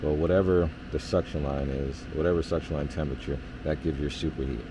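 There's a noisy background as a man working in HVAC explains system readings hands-on in the furnace area of a basement. He's relaxed and full of fillers, talking fast in a very deep voice.

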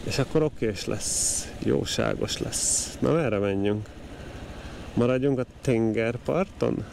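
A man's voice: medium pitch, darkish tone. A man riding a motorbike along a seaside road, chatting informally to his viewers with lots of fillers. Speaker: motovlogger. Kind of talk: casual riding commentary. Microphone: helmet or body camera mic while riding. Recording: outdoor ride with clear road noise. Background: traffic and engine noise.

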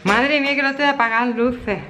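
A woman's voice: sits high, fairly quick, music in the background. Chatty middle-aged woman vlogging. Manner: chatty, talks straight to viewers, laughs often. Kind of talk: casual vlog chat to camera. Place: at home, indoors.

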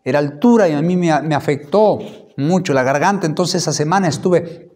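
Animated male pastor telling a story. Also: a little high, brisk. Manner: animated storytelling, acting out dialogue. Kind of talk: sermon testimony.

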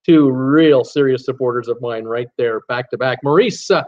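A chatty man in his sixties, a cruise travel YouTuber, hosts a livestream on his webcam from a home office lined with shelves of cruise mugs. He rambles casually as he reads viewer comments, his medium-pitched voice moving at a moderate pace, dotted with frequent "uh" fillers and accompanied by animated hand gestures. The recording sounds muffled.

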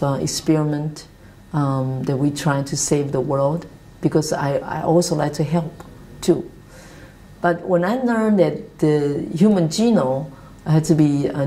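Low-voiced Taiwanese woman recalling her life. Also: dark tone, slight background noise, poor audio. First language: Mandarin Chinese. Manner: earnest, halting non-native English with restarts. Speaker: interviewee. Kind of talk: reflective life-story interview. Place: office meeting room, seated at a table.

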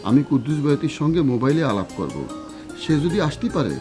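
A man's voice: on the high side, big pitch swings, fast talker. An actor playing an older village father, fond and folksy, given to homespun sayings. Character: warm-hearted old village father who loves to sing. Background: music.

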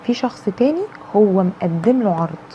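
A woman's voice: mid-range voice, animated, moderate pace, warm tone. A woman with an Egyptian accent giving a casual tarot reading, chatty and acting out the quoted lines of the people she describes. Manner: chatty, acts out quoted dialogue in shifting tones. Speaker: tarot reader. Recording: dull lo-fi sound with faint background noise.

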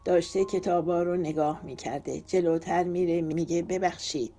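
A woman's voice: lowish voice, fairly even intonation, mellow, faint music behind, natural voice. A woman voicing a playful, affectionate young husband who jokes and then speaks tenderly, in an audiobook. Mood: teasing. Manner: teasing joke-telling, then tender.

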